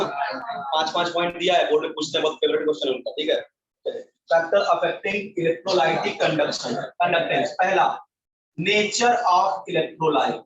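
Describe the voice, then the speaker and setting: High-voiced male teacher in an echoey room. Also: fairly bright tone. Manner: asks questions and answers them himself, calls students beta and bhai. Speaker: chemistry teacher. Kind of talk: classroom lecture. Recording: echoey, distant, dull classroom sound.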